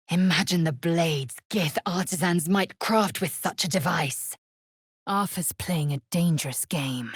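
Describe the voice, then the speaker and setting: An actress voices a fierce, proud young alien warrior woman in a fantasy video game, fully in character. Her lowish, husky voice is imperious, clipped, and scornful, with formal phrasing, captured as clean studio sound with no echo.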